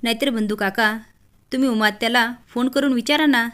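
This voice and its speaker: A woman's voice: a little high, fairly even intonation, brisk, a bit bright, clear, resonant tone, close to an everyday voice. A woman voicing an impulsive, headstrong young woman in a family drama story. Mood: pushy.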